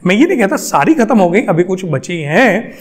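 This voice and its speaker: A man's voice: sits high, big pitch swings, fairly quick. An Indian man teaching a spoken English lesson to Hindi speakers. He explains each point step by step, repeats the example sentences and keeps asking "right?".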